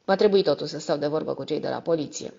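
Woman reading a wry tough male private eye, low and dry, lo-fi audiobook. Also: gravelly, mellow.

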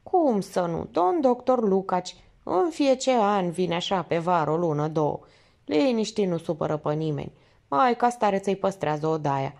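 A woman's voice: lowish voice, expressive, a little mellow. A woman reading as a weary rustic truck driver. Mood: plaintive. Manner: hoarse, unsure, rustic speech. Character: weary middle-aged male truck driver.

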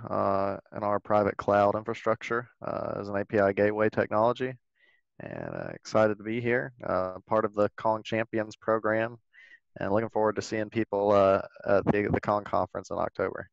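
Gravelly low-voiced man on a call. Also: moderate pace, no room sound. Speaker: community participant, software engineer. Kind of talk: casual self-introduction. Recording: dull close video-call audio.

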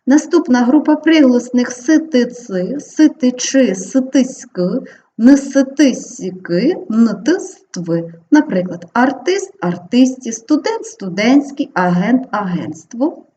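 A Ukrainian woman teacher giving an exam-prep grammar lesson, clearly and slowly drawing out each example word. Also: on the high side, lively intonation, warm tone. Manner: clear, deliberate, drawn-out spelling of example words. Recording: slightly dull lo-fi audio with faint background hiss.

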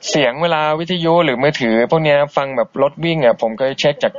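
A man's voice: fast talker, dry recording. A man hosting an internet radio show, chatting politely and easygoingly as he reads out and answers listener messages. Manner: easygoing and polite, chatty, soft-spoken asides. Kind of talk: casual radio chat reading listener messages. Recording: dull, boxy low-bitrate internet radio stream.

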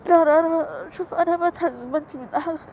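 Tearful woman venting fast. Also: extremely high pitch, a little mellow, slight background noise. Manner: tearful, pleading, repeats herself. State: crying. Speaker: livestreamer. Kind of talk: emotional livestream venting. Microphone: phone.

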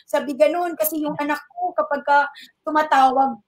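A middle-aged woman, a network marketing member, gives a personal testimony in a high voice at a normal speed. Her retelling is polite, full of respectful particles, and animated, as she acts out the dialogue of the people she quotes to bring her story to life.

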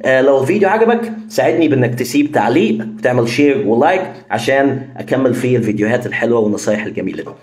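Lively Egyptian man teaching English. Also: medium pitch, roomy sound. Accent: Egyptian Arabic. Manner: lively, switches between quick Arabic and slow English examples. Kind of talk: pronunciation lesson.

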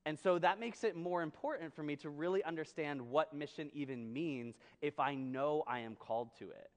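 A man's voice: a little high, moderate pace. A man preaching a sermon to his congregation, reading scripture and asking them questions in a casual, conversational way. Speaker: pastor. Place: church sanctuary. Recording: long hall reverb.

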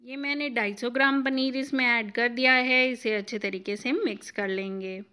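Female cooking host, fairly high and crisp, instructive recipe voice-over. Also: steady tone, normal speed, pushed and bright. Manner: clear step-by-step instructive.

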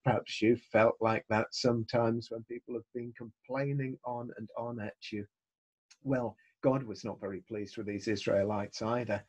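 A man's voice: medium pitch, darkish tone, husky, low-quality recording. A middle-aged man preaching a recorded sermon as a pastor, earnest with wry asides.

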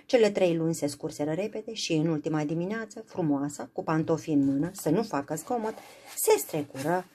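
A woman's voice: deep voice, dark tone, breathy edge. A woman reading a fairy tale aloud, narrating expressively. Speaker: storyteller.

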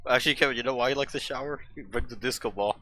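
A man's voice: medium pitch, bright, forceful tone, slight background noise. A young man in casual banter with his gaming friends, laughing often. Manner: giggly, drawn-out. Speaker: gaming group member.

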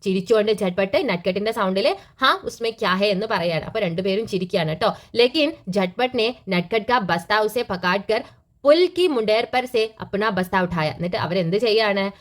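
A woman teacher explaining a school reading lesson. She reads lines slowly, then explains them, often asking a question and answering it herself. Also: mid-range voice.

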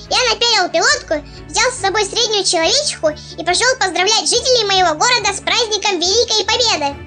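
A performer voicing a cocky, playful young husky puppy as a cartoon dog narrating a vlog, in a pitched-up voice. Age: puppy under a year. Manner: cartoon dog voice, boastful, cutesy slang. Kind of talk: scripted vlog narration in character. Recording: music playing behind the voice.

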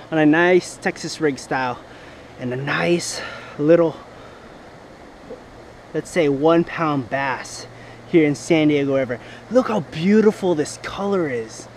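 This casual outdoor fishing vlog comes from a young man perched on river rocks, filmed with a head-mounted action camera as he describes his gear and whoops over each catch. His voice is slightly high and darkish, with a faint hiss or hum.

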